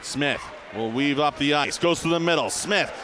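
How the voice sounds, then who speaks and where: A man's voice: fairly high pitch, normal speed. A man calling ice hockey play-by-play on an arena broadcast. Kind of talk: sports play-by-play commentary. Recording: noisy arena broadcast with crowd.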